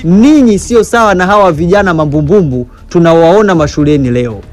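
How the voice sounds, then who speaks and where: Male voice-over interpreter, high, lively pitch, emphatic, faint music. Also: fairly quick. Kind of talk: translated voice-over.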